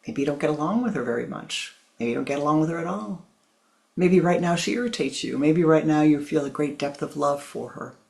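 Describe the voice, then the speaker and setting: Here the spiritual teacher speaks a little fast, still soft and loving, a gravelly texture in the mid-range voice. Listeners hear "my love" and repeated lines for emphasis, and now and then the voice fades to near-whisper.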